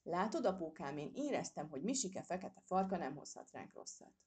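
A woman voicing an excited, doting old mother squirrel. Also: on the low side.

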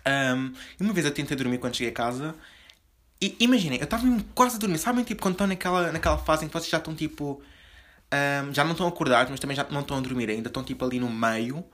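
A young man with a European Portuguese accent and a soft voice, rambling confessionally as host of his own casual podcast, with many fillers and restarts. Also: fairly high pitch, expressive, racing. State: slightly deeper voice from just waking up. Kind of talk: casual solo podcast chat.

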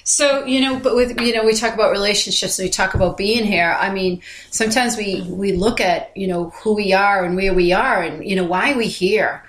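A woman co-hosting a podcast in casual, reflective conversation, speaking thoughtfully and haltingly, often repeating her phrases. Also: medium pitch. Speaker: podcast co-host. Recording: roomy, echoey sound.

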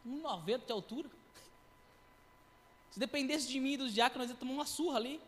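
A man in his thirties giving a sermon testimony, telling his story in a lively way with acted-out quotes and sound effects. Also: very high voice, fast, long reverb tail. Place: church.

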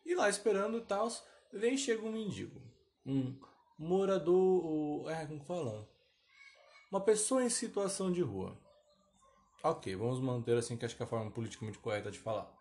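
A man's voice: fairly high pitch, lively intonation, moderate pace, a little mellow. A Brazilian man with a Brazilian accent hosting a casual solo podcast, telling a story in a rambling, self-deprecating way. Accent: Brazilian Portuguese. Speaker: podcast host.

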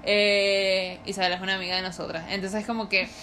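A woman's voice: mid-range voice, little pitch movement, brisk. A young woman, co-hosting a podcast and telling rambling stories in casual chat. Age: late teens. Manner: rambling, storytelling, laughs often. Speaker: podcast co-host.

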